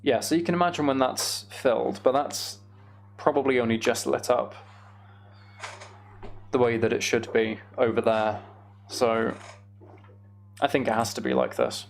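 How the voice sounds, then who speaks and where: A man streams a game and chats casually, wondering aloud and answering viewers' comments along the way. His medium-pitched voice is animated and creaky, his pace a little slow with long pauses, and there is slight background noise.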